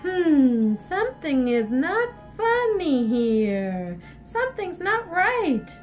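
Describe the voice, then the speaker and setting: A woman voicing a sweet, innocent, easily frightened little girl in a storybook, with drawn-out, wide-eyed delivery. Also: high voice, sing-song, dull audio, soft background music, full character voice. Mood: puzzled wonder.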